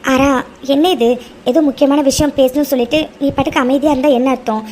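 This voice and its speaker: A woman's voice: sits high, fairly even intonation, fast, over music, close to an everyday voice. A woman voicing a guarded, hurt young bride-to-be who talks in a terse, impatient way. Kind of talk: cartoon voice acting.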